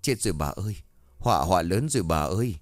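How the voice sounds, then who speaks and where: A man's voice: sits low, expressive, fast, dry recording. A man voicing a frightened older father who stammers in panic. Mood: panicked.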